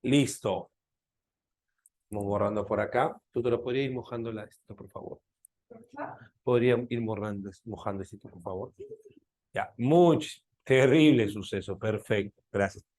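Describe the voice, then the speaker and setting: A man's voice: fairly low pitch, moderate pace, pauses often, darkish tone. Joking Peruvian man teaching a class. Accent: Peruvian Spanish. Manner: teasing, jokey, often asks students to confirm. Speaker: language teacher. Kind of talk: live class lecture.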